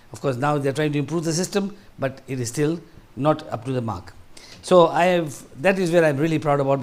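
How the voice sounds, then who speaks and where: His voice is fairly high and a little mellow: a Tanzanian man in his sixties, invited to speak to a seniors group in a large hall. He keeps it conversational, drifting and restarting his sentences.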